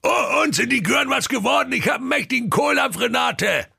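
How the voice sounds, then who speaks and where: A man voicing a greedy, blustering male ogre who shouts his lines slowly, in a high strained voice. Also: animated, gravelly, breathy edge, no echo, clean studio sound, heavily acted. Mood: greedy, loud. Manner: shouting, slow and booming.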